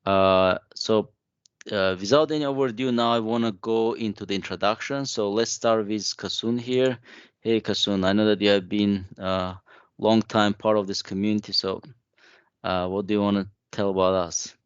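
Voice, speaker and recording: A man co-presenting a tech session in a relaxed, conversational way, with frequent fillers. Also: on the low side, moderate pace, clean tone, dry recording, muffled recording. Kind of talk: casual conference chat.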